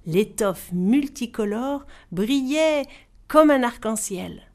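A woman reads a storybook tale aloud with an expressive delivery, shaping each scene with care. Her voice is fairly high, and she lifts it to bring the characters to life. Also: takes it slowly. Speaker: narrator.

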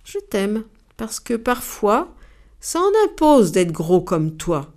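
A woman's voice: medium pitch, big pitch swings, takes it slowly. Brief: tender soothing dove, storybook, read by a woman. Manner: soft, kind and soothing. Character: gentle loving female dove.

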